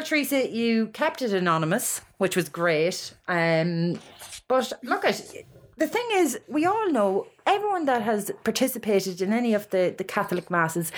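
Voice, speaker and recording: An Irish woman co-hosting a casual podcast, trading quick, teasing banter with her co-host. Her voice is lively, rising and falling a lot as she jokes. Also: mid-range voice. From Ireland. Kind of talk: casual chat.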